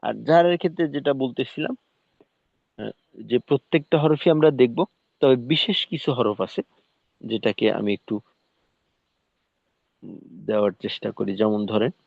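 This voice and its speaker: A man teaching Quran recitation in a recorded lesson. He demonstrates letter sounds slowly, one syllable at a time. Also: medium pitch, creaky, no echo. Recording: tinny phone-like dry sound.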